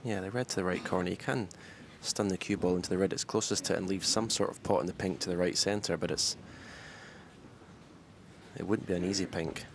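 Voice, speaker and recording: Deep-voiced male snooker co-commentator. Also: steady tone, fairly quick, a little hiss or hum. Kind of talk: analytical live snooker commentary.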